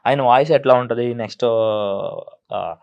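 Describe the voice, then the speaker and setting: A man working as a mimicry artist, answering interview questions in a soft-spoken, halting way. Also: medium pitch, lo-fi sound. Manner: soft-spoken, halting explanations, frequent laughs. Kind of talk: casual interview talk. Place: interview studio.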